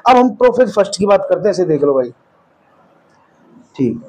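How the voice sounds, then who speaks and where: A man's voice: sits high, big pitch swings, a little mellow, poor audio. A man teaching a lesson in casual lecture style, repeating key terms back as quiz questions and correcting his own slips along the way. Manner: slow drawn-out terms, sudden speedups.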